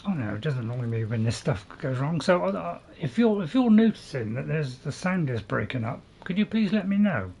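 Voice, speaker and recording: A man streaming a game in a fairly high, very animated voice. He chats casually and hesitantly, often repeating himself as he goes. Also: brisk, vocal fry, few pauses, breathy edge. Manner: hesitant, repetitive, chatty. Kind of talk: casual gameplay commentary.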